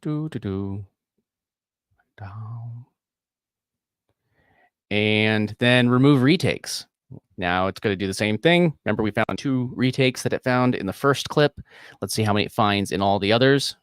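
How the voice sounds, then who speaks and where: Male host, low voice, dry close sound, casual rambling live tutorial delivery. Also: moderate pace, clean tone, dry recording. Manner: casual, rambling, chuckles often. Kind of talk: live screen-share editing tutorial.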